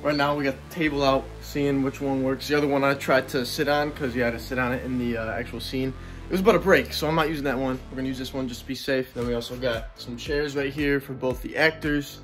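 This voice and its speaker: A man's voice: medium pitch, steady tone, quick pace, fairly bright tone. Young man vlogging casually, music behind. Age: 20s. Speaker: vlogger, amateur filmmaker. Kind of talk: casual behind-the-scenes vlog. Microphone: phone at arm's length.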